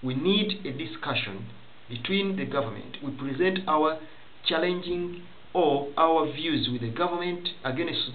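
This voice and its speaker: A young man from Rwanda talks straight to a webcam from a small office, delivering political commentary in a halting way, restarting and repeating phrases as he goes. The sound is thin and phone-like, with a faint hiss underneath. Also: a little high. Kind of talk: direct-to-camera commentary. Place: small office room indoors.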